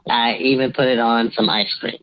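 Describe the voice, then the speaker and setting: A man's voice: mid-range voice, level tone, moderate pace, a crowd in the background. A man calling in to confess, his voice disguised by a voice changer, talking sheepishly with restarts. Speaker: caller. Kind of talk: casual phone confession. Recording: muffled phone line.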